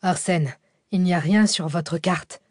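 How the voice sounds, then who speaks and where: A woman's voice: on the low side, measured pace, darkish tone, slightly rough, no room sound, clean studio sound. A woman voicing a tense male driver fleeing killers, speaking in clipped, terse lines. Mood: panicked.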